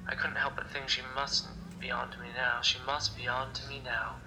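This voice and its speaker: A man's voice: mid-range voice, level tone, brisk, vocal fry, noisy background, close to an everyday voice. A man playing a paranoid escaped male mental patient in an amateur radio drama, stammering and rambling. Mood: uneasy. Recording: music playing underneath.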